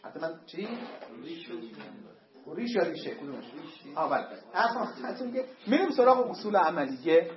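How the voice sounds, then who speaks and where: A man's voice: sits high, big pitch swings. A man teaching a seminary class on Islamic law, emphatic, with joking asides to his students. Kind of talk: classroom lecture on Islamic jurisprudence. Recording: dull lo-fi classroom recording.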